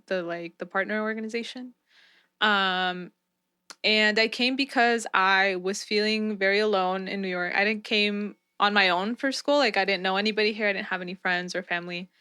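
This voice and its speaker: Young woman, from Southern California and Mexico, bright tense voice, easygoing casual interview guest. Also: mid-range voice, clear, resonant tone. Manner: easygoing, frequent "like" and "um" fillers, laughs often. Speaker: guest, volunteer.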